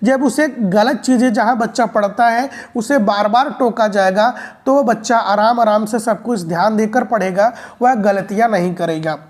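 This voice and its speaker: A woman's voice: medium pitch, moderate pace, few pauses, a little mellow. A woman giving an explanatory video lecture for exam preparation, repeating key points and calling her viewers friends. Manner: repetitive, drilling explanations with frequent "friends" address. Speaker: exam-prep teacher.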